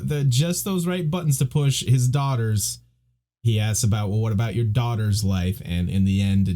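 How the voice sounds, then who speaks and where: A man co-hosting a podcast in a relaxed, chatty way. His pitch sits in the middle of the range, and his delivery is animated and conversational. When he quotes characters, he slips into playful imitations. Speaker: podcast co-host. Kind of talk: casual podcast discussion.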